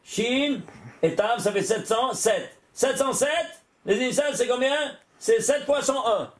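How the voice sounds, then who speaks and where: Male rabbi, high voice, teaching a class, quizzes listeners and works through sums aloud. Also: animated, a little slow. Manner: quizzing listeners with rhetorical questions. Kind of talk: Torah lesson to a class.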